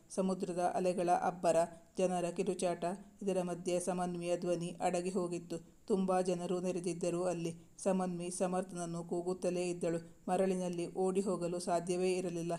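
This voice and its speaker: A narrator reading a romance novel aloud in a steady, even manner. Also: mid-range voice, normal speed. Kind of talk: scripted story narration.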